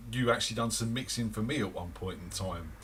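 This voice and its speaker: A man hosting an interview over a video call, relaxed and conversational with many fillers. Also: fairly low pitch, quick pace. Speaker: host. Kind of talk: casual interview chat.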